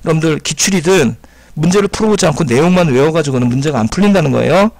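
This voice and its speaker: Man, teacher, exam-prep grammar lecture, gravelly, dry close sound. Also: a little high, animated, a little mellow, no room sound. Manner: explanatory, repeats key terms, sounds words out slowly. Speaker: Korean language teacher.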